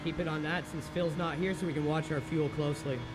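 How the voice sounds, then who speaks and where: A man's voice: a little high, steady tone, fast. A man who is a sim racing driver, chatting casually with his team as a car engine runs behind him. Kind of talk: casual team radio chat. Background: race car engine noise.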